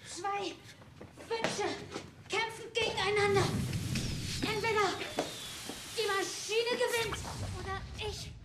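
A woman playing a small, cheeky magical creature with childlike, halting phrasing in a children's film comedy. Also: high-pitched, expressive, very noisy. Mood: feverish, desperate.

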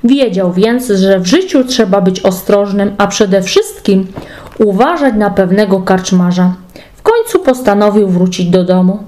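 A woman's voice: mid-range voice, expressive, measured pace, mellow. A woman reading a fairy tale aloud as a storyteller. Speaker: storybook reader.

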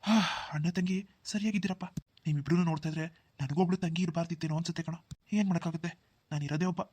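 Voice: mid-range voice, fairly even intonation, fast, mellow, breathy edge, dry recording, close to an everyday voice. A voice actor doing Kumar, a generous young villager. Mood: reassuring. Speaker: cartoon voice actor. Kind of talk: Kannada cartoon dialogue.

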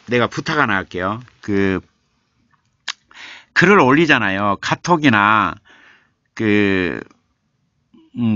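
Bright-voiced older man chatting on stream. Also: lowish voice, no echo. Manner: chatty, reads viewer comments aloud and teases them playfully; explains patiently, repeating himself. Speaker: literature professor and live-stream host. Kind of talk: casual live-stream chat. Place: home streaming room. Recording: dull lo-fi live-stream audio.

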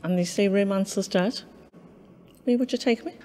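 A woman's voice: mid-range voice, moderate pace, mellow, big-room sound, natural voice. A woman acting a dry, sarcastic teacher in a scripted drama scene. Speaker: actor in a scene.

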